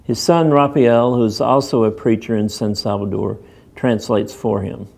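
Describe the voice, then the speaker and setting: Mellow-voiced man narrating a mission report. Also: fairly low pitch, steady tone, moderate pace, vocal fry. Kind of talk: documentary narration.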